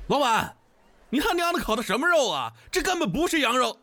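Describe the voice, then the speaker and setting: A man doing a brash, shouting teenage boy. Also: very high voice, big pitch swings, brisk, voice pushed up, exaggerated voice. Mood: furious. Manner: shouting, coarse.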